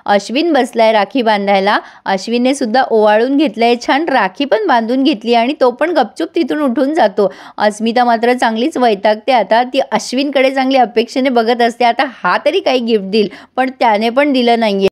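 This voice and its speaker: A woman's voice: on the high side, moderate pace, hardly any pauses, darkish tone. A woman retelling a TV serial episode in a chatty way, adding her own comments. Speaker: serial recap narrator.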